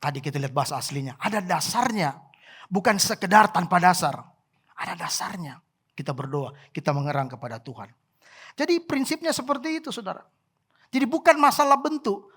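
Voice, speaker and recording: A pastor preaching a sermon at a church service, swinging from soft, quiet remarks to loud exclamations and acting out prayers and cries. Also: mid-range voice, brisk. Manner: animated, acts out prayers and cries.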